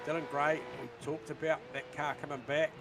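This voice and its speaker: A man calls a simulated motor race live, running through lap times and position fights. His voice sits a little high for a man, and it climbs with excitement when a pass is made. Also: background noise. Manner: rapid lap-time calls, rising excitement at overtakes. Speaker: sim racing commentator.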